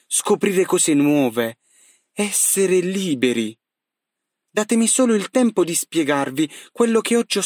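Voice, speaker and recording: A man's voice: medium pitch, dry recording, lightly acted. A man reads the part of a defiant young seagull, pleading with his flock in an impassioned voice that climbs as he speaks. The sound is close and very dry, with no room in it.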